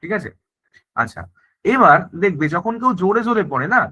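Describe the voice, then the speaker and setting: A man teaching an online exam-prep class, explaining in a steady lecture with frequent check-in phrases. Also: high voice, fairly quick. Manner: explains in mixed Bengali and English, repeats "thik ache" often.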